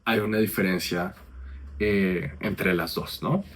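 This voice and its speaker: A man's voice: low-pitched, steady tone, slow, a bit bright. Guy teaching greek letters, keeps checking in, easygoing, bit of faint noise. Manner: conversational, checks in with "¿no?" and "¿sí?". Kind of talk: relaxed classroom explanation.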